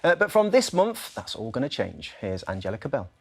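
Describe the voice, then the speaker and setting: A man's voice: mid-range voice, wildly swooping pitch, brisk, vocal fry. A man presenting conversationally as a television host.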